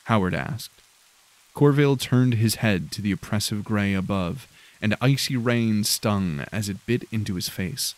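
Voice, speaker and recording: A man narrating a dark fantasy audiobook in a measured, grave storytelling manner. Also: lowish voice.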